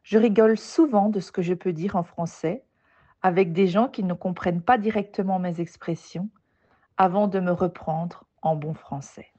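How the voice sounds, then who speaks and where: A woman with a Belgian accent giving a calm, reflective personal testimonial. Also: on the low side, moderate pace. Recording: dull lo-fi recording.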